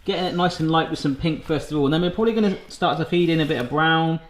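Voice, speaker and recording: A man's voice: fairly high pitch, quick pace. Chatty man, echoey kitchen. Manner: chatty, jokey, explains each step. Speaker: cooking channel host. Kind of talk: casual cooking vlog chat. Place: home kitchen. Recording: echoey room with faint noise.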